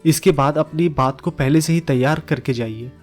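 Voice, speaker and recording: Male narrator, scripted explainer read, steady delivery, slightly high voice, soft music bed. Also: normal speed. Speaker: audiobook summary narrator. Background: faint background music.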